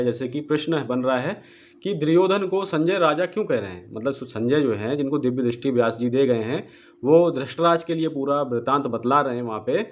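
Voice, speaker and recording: Man glossing Sanskrit verses slowly. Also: medium pitch, lo-fi sound. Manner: slow deliberate word-by-word glossing of Sanskrit. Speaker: Gita book presenter. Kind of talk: explanatory book walkthrough.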